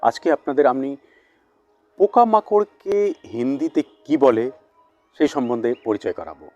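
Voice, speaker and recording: Guy teaching words off a board, says each one slow a few times, pretty dry sound. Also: medium pitch, very animated, dark tone, no echo, lo-fi sound. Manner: slow, repeated pronunciation of words. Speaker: language teacher. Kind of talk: bilingual vocabulary lesson at a board.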